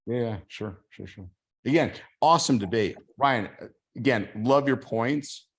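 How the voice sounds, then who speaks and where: A man hosting a casual video call, talking in an animated way and acting out sample sales pitches. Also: unhurried, slightly rough.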